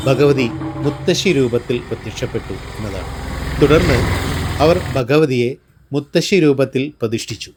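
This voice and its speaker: A man from Kerala with a Kerala accent narrates a descriptive vlog in a reflective, measured way, phrase by phrase. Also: medium pitch. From Palakkad district, Kerala, India. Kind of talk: descriptive vlog narration of local temple customs. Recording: voice-over with music behind. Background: music.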